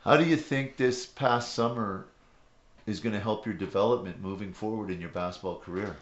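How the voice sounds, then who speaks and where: A man, a basketball coach, hosting an interview show and introducing his players in a measured way. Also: fairly low pitch, lo-fi sound.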